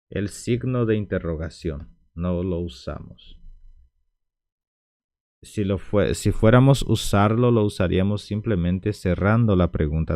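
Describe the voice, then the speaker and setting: A man's voice: low voice, a little mellow, no echo, studio quality. A man teaching a language lesson at a whiteboard, speaking patiently and repeating words for practice.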